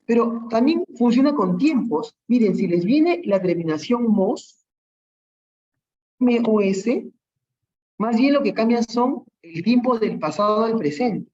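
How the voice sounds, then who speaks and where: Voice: medium pitch, lively intonation, measured pace, darkish tone, lo-fi sound. A teacher with a Peruvian accent giving a class, patiently running through many examples and checking in with frequent tag questions. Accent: Peruvian Spanish. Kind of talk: online class lesson.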